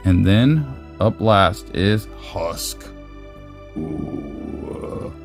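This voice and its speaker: A man's voice: low voice, lively intonation, extremely slow, creaky, soft background music. A man in his forties from the United States, casually commenting while opening trading cards, joking, rambling and swearing freely. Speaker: card-collecting channel host.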